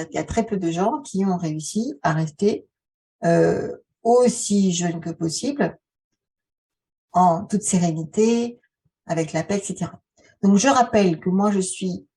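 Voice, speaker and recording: A woman talking casually to her viewers as a video host, halting and conversational, often posing rhetorical questions. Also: medium pitch, mellow, slightly rough, distant mic. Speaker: video channel host, author and relaxation therapist. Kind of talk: casual vlog talk addressed to the viewer.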